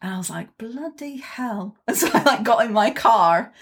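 A woman's voice: mid-range voice, brisk, husky. Candid woman chatting. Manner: candid, chatty, swears freely. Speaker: podcast co-host. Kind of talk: casual chat.

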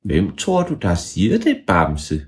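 A man's voice: deep voice, huge pitch swings. A man voicing a huffy, indignant little frog boy who pleads and protests in a storytelling. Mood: insistent.

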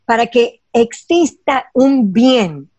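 A woman's voice: a little high, lively intonation, slow pace, a little mellow, dry recording, dull audio. A woman giving spiritual advice in an emphatic way, asking rhetorical questions and dropping in English phrases. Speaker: guest teaching Kabbalah ideas. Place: lives in Los Angeles.

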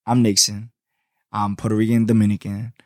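A man's voice: fairly low pitch, level tone, normal speed, no echo, clean studio sound. A young man from Florida with a Florida accent, hosting a solo podcast in laid-back, slangy talk. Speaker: podcast host.

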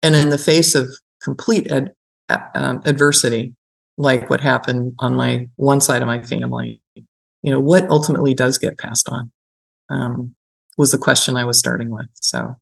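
The recording is rough, and the middle-aged woman's very deep voice is gravelly and slightly rough, steady in tone at a normal speed. As an interviewed gerontology professor, she explains reflectively, shares personal stories, and keeps asking "right?" and saying "you know."

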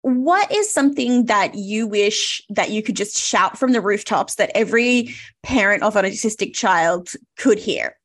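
A woman's voice: mid-range voice, lively intonation, a little slow. A woman hosting a casual podcast interview, affirming and encouraging her guest. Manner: warm affirming listener. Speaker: podcast host.

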